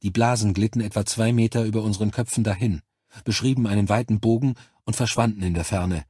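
A man reading a science fiction story aloud as a first-person audiobook narration in an even, measured way. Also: lowish voice, slightly rough, no echo, clean studio sound.

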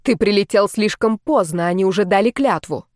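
A woman's voice: medium pitch, fairly quick, darkish tone, no room sound, clean studio sound, natural voice. Woman voicing a cruel commanding dragoness.

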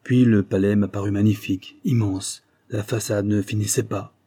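A man's voice: fairly low pitch, steady tone, moderate pace, mellow, husky. A man reading aloud and voicing a shaken male army surgeon who tells a story with urgent, fearful emphasis. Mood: telling.

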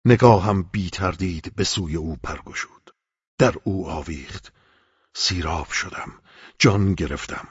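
Audiobook narrator: man, very low and husky, solemn and measured, dull dry recording. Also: dry recording. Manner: solemn, measured, poetic delivery. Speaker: audiobook reader. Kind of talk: dramatic first-person audiobook narration.

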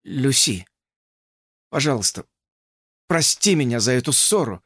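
A man's voice: on the high side, big pitch swings, measured pace, fairly bright tone, dry recording, clean studio sound, pitched above the performer's own voice. A man voicing an agitated, lovesick young man who talks insistently and stammers. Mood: pleading.

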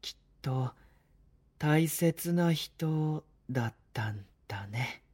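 Slow, softly hesitant young vampire. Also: male voice, fairly high pitch, lively intonation. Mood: hesitant, uneasy. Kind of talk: intimate Japanese audio drama acting.

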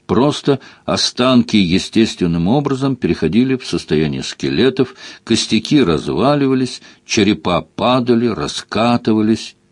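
A man reads a novel aloud in a steady, unhurried storytelling manner. His voice sits low. The recording is dry and close, with no room sound. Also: no room sound. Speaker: audiobook narrator. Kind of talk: scripted narration.

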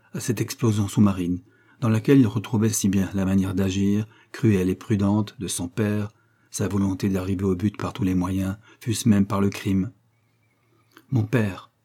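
A man reads a classic novel aloud in a measured, even cadence. His voice is low and dark, with a husky grain. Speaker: audiobook narrator. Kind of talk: literary audiobook narration.

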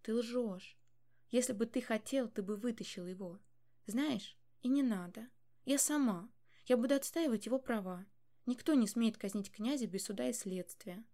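Woman reading a desperate young heroine, loud, pleading, voice breaking, mellow. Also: medium pitch, fairly even intonation, normal speed, close to an everyday voice. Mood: defiant.

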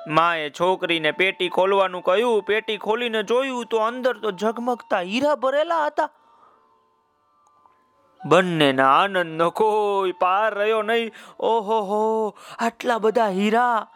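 A man narrates a children's folk tale in a lively, folksy manner and often turns to his listeners with chatty asides. His voice is high-pitched and bright. Faint music plays underneath. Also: unhurried, smooth. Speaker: storyteller.

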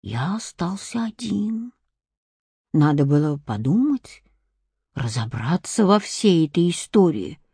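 A woman calmly reading a first-person children's story aloud. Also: on the low side, slightly rough, dry recording, clean studio sound. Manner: calm, unhurried first-person telling. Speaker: audiobook reader. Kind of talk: storybook narration.

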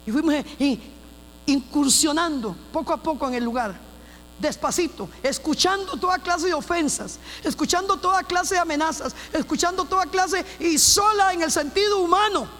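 High-voiced woman pastor, echoing hall. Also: moderate pace, fairly bright tone. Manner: emphatic storytelling with repeated phrases and restarts. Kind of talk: personal testimony in a church service. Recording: long hall reverb with faint mains hum.

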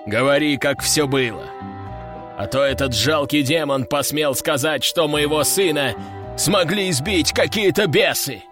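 A man's voice: fairly high pitch, measured pace, over music, natural voice. A man voicing a furious, domineering male demon prefect who bellows orders. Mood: enraged. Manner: bellowing, imperious.

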